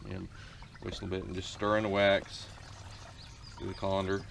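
Deep, monotone and a bit bright with some vocal fry, the middle-aged man talks fairly fast as a beekeeper giving an informal how-to outdoors. He rambles, using lots of fillers and restarts, and the farmyard camera-mic recording has slight background noise.

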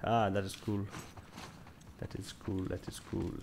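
Slow-talking, jokey man streaming a game. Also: deep voice, flat delivery, gravelly, background noise. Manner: jokey, crude, rambling to himself. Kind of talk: casual gameplay commentary. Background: game music and sound.

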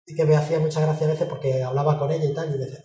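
A woman, talking in a casual interview. She speaks frankly, swears and gets animated when she tells stories. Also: low-pitched, very fast, a little hiss or hum. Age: 50s. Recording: roomy, distant mic with music behind.

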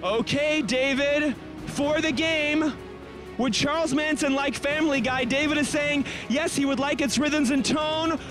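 A man in his thirties hosting a street game show, loudly badgering passers-by outdoors on a busy city street into a handheld mic. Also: very high voice, steady tone, a little slow, over music. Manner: loud, frantic, badgering passers-by.

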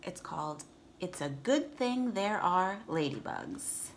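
A woman in her thirties, her voice lowish and very animated, reads a children's picture book aloud at a slow pace, acting as a teacher. She enunciates for young listeners and explains as she goes, in a room of a home, with a slight hiss or hum on the recording.

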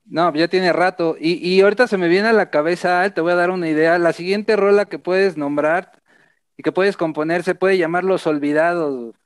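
Male interviewer, casual and joking, high pitch, dry close mic. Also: normal speed, clear, resonant tone, no echo.

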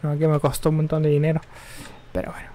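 Young man, slightly high voice, offhand slangy rambling, live game stream chat. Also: monotone, fast talker, mellow. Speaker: gaming streamer. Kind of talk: casual live-stream chat while gaming.

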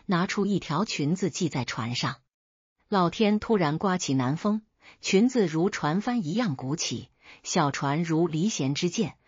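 A woman narrating a folk tale in a measured storytelling read, voicing the characters' lines herself. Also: fairly low pitch, slightly rough, no echo. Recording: dull lo-fi dry recording.

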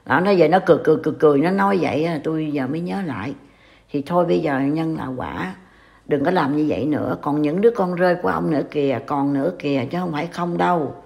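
Gravelly older woman, Southern Vietnamese accent. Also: deep voice, fast, darkish tone. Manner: scolding, reproachful. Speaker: commentator. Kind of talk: casual online talk.

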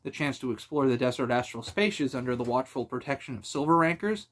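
Calm, measured adventurer leader, read by a man in an audiobook. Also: mid-range voice. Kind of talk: audiobook character voice.

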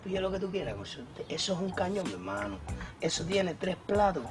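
An actor playing a boastful accomplice who talks in street slang in a Cuban TV police drama, with a Cuban accent. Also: male voice, sits high, very animated, fairly quick. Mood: swaggering. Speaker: thief's accomplice.

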